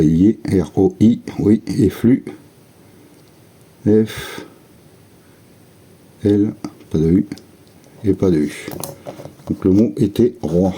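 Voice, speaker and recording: Slow, low-voiced man muttering to himself. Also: warm tone, slight background noise. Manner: slow, methodical, muttering letters and words to himself. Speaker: scratch-ticket vlogger. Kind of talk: casual running commentary while scratching tickets.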